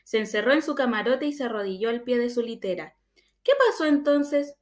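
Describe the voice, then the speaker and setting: A woman's voice: a little high, fast. A woman reading a children's audiobook, telling the story plainly in a child's first-person voice. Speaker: audiobook reader.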